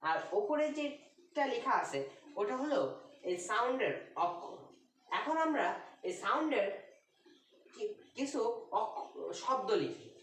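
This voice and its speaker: A woman teaches pronunciation at a board, her fairly high voice rising and falling a lot as she explains. She talks in a patient, drawn-out way. She is set back from the mic in a roomy space with a faint hiss. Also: big pitch swings, fairly bright tone. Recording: roomy, distant, faint noise.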